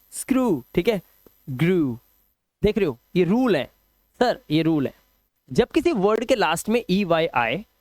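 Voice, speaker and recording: A man's voice: sits high, dry recording, studio quality. Man teaching English sounds. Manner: drills word lists, repeats words slowly; chatty asides to viewers. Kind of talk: spoken English lesson.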